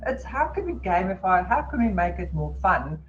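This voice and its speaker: A woman's voice: fairly low pitch, big pitch swings, brisk, a little hiss or hum. A woman with a New Zealand accent presents a teaching webinar in a chatty, conversational way, with many fillers. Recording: dull lo-fi webinar audio.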